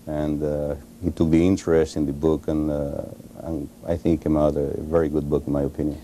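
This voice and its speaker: A Cuban-accented man in his forties, a Spanish speaker, answering in a TV studio interview, halting with many pauses and restarts, on a lapel mic. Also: extremely low pitch, level tone, warm tone, a little hiss or hum. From Cuba. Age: 40s. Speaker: interview guest, author.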